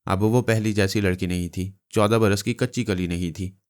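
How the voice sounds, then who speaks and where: This is a man reading a novel aloud in a steady, dramatic audiobook style. His voice is low. It sounds smooth and resonant. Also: moderate pace. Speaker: storyteller.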